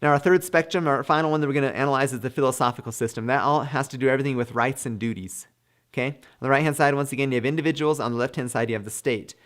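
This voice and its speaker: A man's voice: medium pitch, racing, fairly bright tone. A man giving an emphatic classroom-style lecture, often checking in with "okay?". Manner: emphatic, punctuates points with "okay?". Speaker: civics lecturer.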